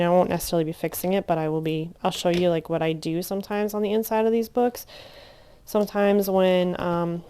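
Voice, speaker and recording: A woman's voice: lowish voice, dark tone, clear, resonant tone. A woman casually narrating a craft tutorial at home, chatty and rambling with plenty of fillers and restarts. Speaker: crafter teaching junk journal making.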